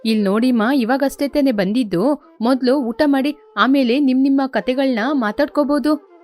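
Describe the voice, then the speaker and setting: A woman's voice: high voice, moderate pace, darkish tone, natural voice. A woman voicing a caring middle-aged village mother who coaxes her daughters in a soothing way in a storybook tale. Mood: coaxing. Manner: soothing, coaxing. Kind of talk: storybook character voice.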